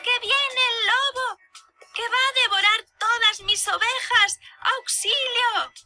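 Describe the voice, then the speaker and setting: High yelling shepherd kid done by a woman narrator, bright and piercing, some music under it. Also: slow, full character voice. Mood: shouting for help. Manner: cries out for help in high shouts. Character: young shepherd boy, mischievous then panicked. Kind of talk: storybook reading.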